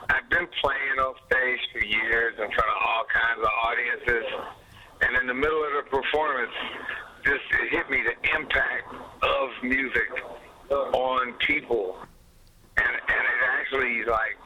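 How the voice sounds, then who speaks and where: Brief: male musician guest, very bright voice, lively storyteller who laughs and curses a lot. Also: medium pitch, takes it slowly, a little hiss or hum, low-quality recording. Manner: animated storyteller, laughs often, swears freely. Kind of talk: casual interview chat.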